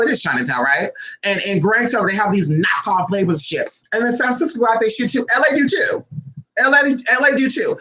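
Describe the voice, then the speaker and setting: Man, high voice, blunt profane vlog rant, lots of rhetorical questions. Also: bright, forceful tone, low-quality recording. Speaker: spiritual practitioner vlogger. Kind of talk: unscripted ranting monologue.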